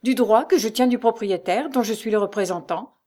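A woman's voice: mid-range voice, lively intonation, normal speed, darkish tone, lightly acted. A woman voicing a brusque, rude male concierge who speaks in a dry, bossy tone. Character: curt, brutal male concierge, middle-aged.

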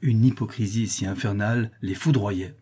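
A man reads a novel aloud in a measured, dramatic storytelling manner. His voice is lowish, dark and mellow, with a husky grain. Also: fairly even intonation. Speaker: narrator. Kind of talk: audiobook narration.

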